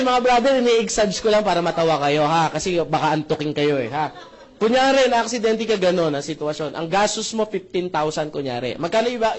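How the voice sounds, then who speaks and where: With a fairly high pitch, a man gives a lively seminar presentation on a marketing plan, combining Tagalog and English. He jokes around, asks "tama ba?" again and again, and politely addresses the crowd with "po" and "mga brother, mga sister".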